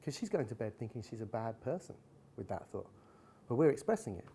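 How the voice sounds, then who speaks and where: A man's voice: mid-range voice, brisk, a little hiss or hum. A man giving a candid live talk, telling personal stories and acting out retellings. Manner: candid storytelling, animated retellings. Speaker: guest speaker. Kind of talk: live talk with audience chat.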